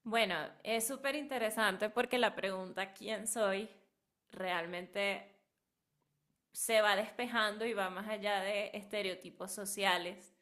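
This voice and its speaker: A Venezuelan woman, a singer and vocal coach, answering interview questions thoughtfully with frequent pauses and fillers. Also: medium pitch, steady tone, fairly bright tone. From Barquisimeto, Venezuela.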